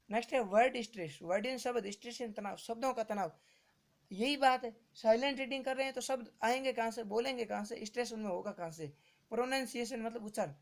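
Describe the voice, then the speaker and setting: A male teacher giving an exam-prep lecture who repeats each term and keeps asking rhetorical questions, addressing his listeners as friends. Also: high voice.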